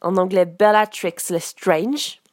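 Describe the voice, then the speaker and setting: A woman giving a casual spoken lesson as a teacher, explaining slowly with frequent hesitations. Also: lowish voice, a little mellow, dry recording, studio quality. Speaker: English teacher.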